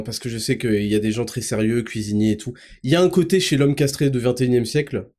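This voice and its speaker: A man hosting his own show, ranting crudely and mockingly, laughing often between outbursts and low mutters. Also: a little mellow. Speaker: host. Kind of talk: ranting monologue.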